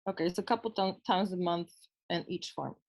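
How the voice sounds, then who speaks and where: A woman's voice: on the low side, fairly quick, a little mellow, rough recording. A woman asking hesitant questions over a video call, with fillers. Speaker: audience member asking questions.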